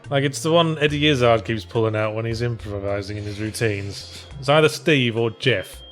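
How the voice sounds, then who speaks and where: A man commenting on a video game in casual chat, with dry, sardonic, quick jokes. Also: medium pitch, a bit bright, faint music behind. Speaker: let's play commentator.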